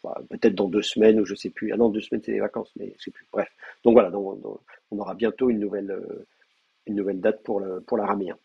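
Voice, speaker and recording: A man's voice: on the low side, level tone, quick pace, vocal fry, breathy edge, muffled recording. A man teaching an online class, explaining patiently with many fillers and restarts. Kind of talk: online lecture.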